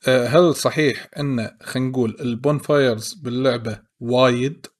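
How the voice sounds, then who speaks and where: A man's voice: mid-range voice, steady tone, a little fast. A man with a Gulf Arabic accent hosting a casual chat and asking long, rambling questions. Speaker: host.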